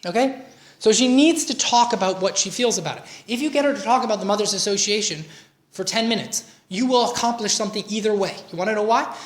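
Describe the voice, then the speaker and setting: A man's voice: high voice, fast talker. A man leading a relationship workshop, talking informally with personal stories and asides. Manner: chatty lecturing with personal anecdotes and asides. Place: workshop room at a community centre. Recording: roomy room recording.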